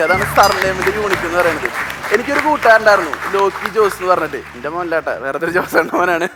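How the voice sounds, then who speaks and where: A young man rattles through a stand-up routine at a breakneck pace, his voice pitched high and lively as he slips into impressions. He is performing on a television stage. Music and a live audience can be heard clearly behind him. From Thrissur, Kerala. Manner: rapid, animated storytelling with mimicked voices. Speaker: stand-up comedian. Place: TV studio stage.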